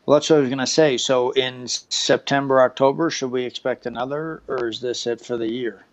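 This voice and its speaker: A man's voice: mid-range voice, steady tone, a little fast, rough recording. A man co-hosting a casual chat over a video call, talkative.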